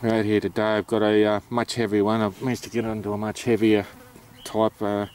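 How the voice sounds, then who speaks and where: An Australian man talks through practical details in a low voice with very little melody. He is unscripted and hesitant, explaining things in a plain, matter-of-fact way. There is some noise behind him. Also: level tone, fairly quick, a little mellow. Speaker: amateur radio operator presenting. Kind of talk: informal explanatory vlog.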